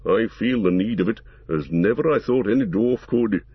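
A man voicing a gruff, stout male dwarf warrior who speaks deep, slow and booming. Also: no echo, muffled recording. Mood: weary.

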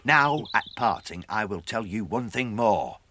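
An actor playing a quiet male apprentice who turns out to be a stern fairy king, speaking in measured, reproachful tones. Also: fairly low pitch, animated, exaggerated voice. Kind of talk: radio drama acting.

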